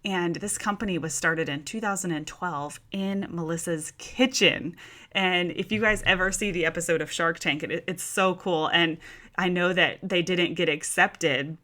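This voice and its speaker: A woman hosts her own podcast, talking to her listeners like friends on a couch, calling them "you guys" and "y'all." Her voice is bright and forceful, and it sits a little low for a woman. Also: normal speed. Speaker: podcast host. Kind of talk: casual solo podcast talk.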